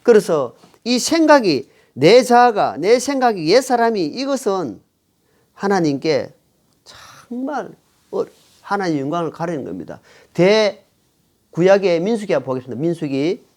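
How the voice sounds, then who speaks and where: A man's voice: sits high, sing-song, moderate pace, darkish tone. A middle-aged male pastor preaching a sermon, reading scripture aloud and repeating phrases for emphasis. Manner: reads scripture aloud to the congregation.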